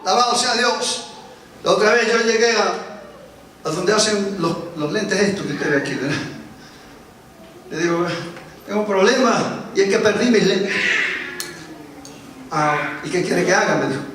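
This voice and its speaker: A man's voice: high-pitched, measured pace, pauses often, a bit bright, a little hiss or hum. A man preaching a sermon as pastor, telling a story and repeating words for emphasis. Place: church hall. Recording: echoey church hall, distant mic.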